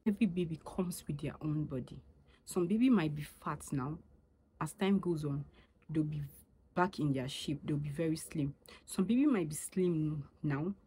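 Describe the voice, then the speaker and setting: A woman's voice: low voice, unhurried, warm tone, a little hiss or hum. A Nigerian woman, a young mother, talking casually to camera in an emphatic, lecturing way that repeats her points. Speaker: vlogger and new mother. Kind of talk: casual opinion vlog to camera.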